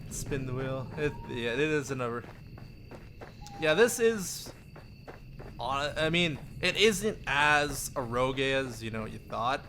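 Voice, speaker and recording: This live streamer's medium-pitched voice is animated, pushed and bright, and he talks slowly with slight background noise. His chat is casual and rambling, full of chuckles as he replies to viewers, with some story narration read aloud.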